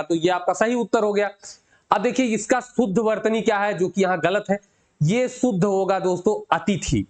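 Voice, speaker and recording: Man with a high voice, live exam-prep lesson, young adult, quizzes viewers then answers himself. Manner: addresses viewers as friends, asks and answers his own questions; slows and stretches out key words. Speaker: teacher.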